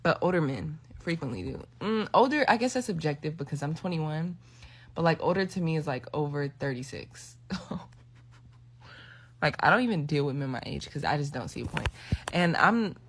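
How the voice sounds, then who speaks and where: A woman's voice: deep voice, animated, normal speed, breathy edge. A woman in her twenties rambling in a phone video monologue, full of "like" fillers. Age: 20s.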